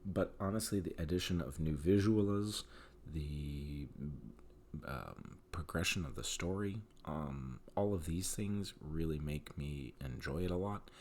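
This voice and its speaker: A man's voice: very deep voice, unhurried, darkish tone, a little hiss or hum. A man giving a casual, rambling spoken review of a TV episode, candid and opinionated, with many fillers.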